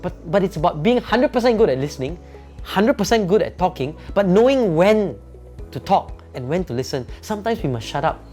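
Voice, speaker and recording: A man's voice: high-pitched, very animated, fairly quick, a little mellow, faint music behind. A man, a company founder giving an emphatic motivational talk on leadership, often adding "right?" tag questions.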